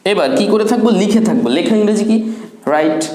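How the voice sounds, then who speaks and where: A man teaching an English grammar lesson, asking the class questions and answering them himself, and drawing out his example sentences slowly. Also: high-pitched, lively intonation, a little mellow, reverberant. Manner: slow, drawn-out English example sentences between quick explanations.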